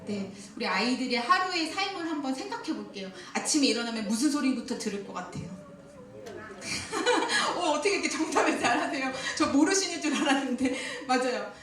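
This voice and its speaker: Female seminar speaker, high voice, lively and laughing, booming hall echo. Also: a little fast. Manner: lively, questions the audience and laughs often. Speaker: speaker at a church teachers' seminar. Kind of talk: interactive seminar talk. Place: church hall. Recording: echoey hall, voice from far off.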